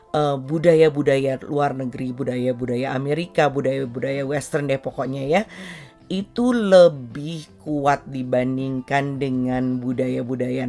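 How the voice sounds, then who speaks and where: A middle-aged Indonesian woman hosts a parenting vlog, chatting casually about family matters and mixing English words in among frequent fillers. Her voice is very deep and mellow.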